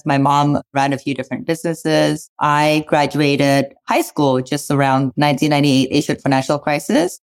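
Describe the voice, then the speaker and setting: A woman in her forties from Indonesia, an investor talking casually and thoughtfully in an interview, with many "you know" fillers. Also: low voice. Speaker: guest, venture capital investor.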